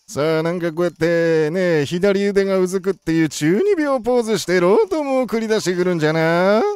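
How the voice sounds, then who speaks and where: A game streamer calling competitive battle moves play by play, excitable and talking through each decision aloud in a playful old-man way of speaking. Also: medium pitch, a little fast, smooth, no room sound.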